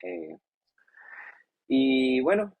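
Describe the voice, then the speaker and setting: A man, a cycling guest in a casual podcast interview, relaxed and joking, halting with many fillers. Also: mid-range voice. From Venezuela.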